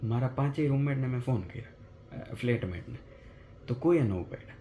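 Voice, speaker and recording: A man's voice: medium pitch, a little fast, slight background noise. Chatty man vlogging. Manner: animated retelling of a mishap, chatty and conversational. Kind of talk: casual vlog storytelling. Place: apartment at night.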